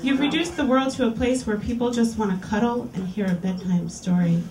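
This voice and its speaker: A woman hosting a reading series reads erotica aloud to a bar crowd in a small lounge, her voice higher in pitch and her delivery clear and deliberate. The roomy, distant live recording picks her up from across the space.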